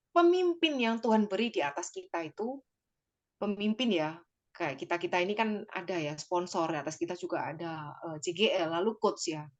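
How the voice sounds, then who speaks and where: A woman's voice: mid-range voice, a little mellow. A woman giving a personal testimony to her church group, talking conversationally and emotionally, with many fillers and tag phrases, and speaking directly to her listeners.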